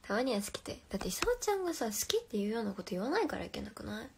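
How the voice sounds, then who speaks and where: A woman's voice: medium pitch, big pitch swings, rapid-fire, vocal fry, noisy background. A young woman hosting a casual phone livestream, reading viewer comments aloud and answering playfully, often dropping to a whisper. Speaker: livestream host.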